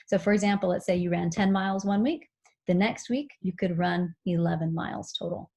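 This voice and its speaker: A woman giving a recorded seminar on mindful running, explaining calmly with frequent fillers. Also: fairly low pitch, fairly quick, gravelly. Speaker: running instructor.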